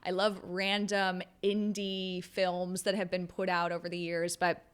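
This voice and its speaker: A woman speaking as a video creator in a reflective, conversational commentary, pausing mid-phrase as she thinks. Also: fairly low pitch, completely flat delivery, smooth. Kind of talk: reflective talking-to-camera commentary.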